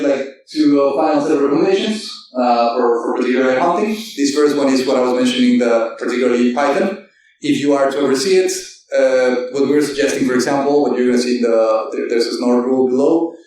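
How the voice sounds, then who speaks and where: Man presenting in a booming, echoey hall. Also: darkish tone. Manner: halting, with many fillers and self-corrections. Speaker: conference speaker. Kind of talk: technical conference presentation. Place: conference hall. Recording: echoey hall, distant mic.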